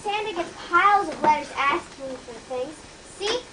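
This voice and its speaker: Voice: sits high, expressive, moderate pace, recorded from a distance. A young performer playing a fretful, kindly Mrs. Santa in an amateur Christmas stage play, recorded on noisy tape in an echoey room. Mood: worried. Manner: fretful, sighing.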